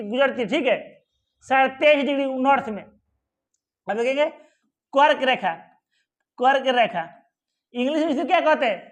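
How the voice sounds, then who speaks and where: A male teacher giving an exam-prep geography lesson at a map, asking questions and answering them himself, with many reassuring asides. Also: very high voice. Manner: asks questions and answers them himself, repeating "ठीक है" and "आराम से".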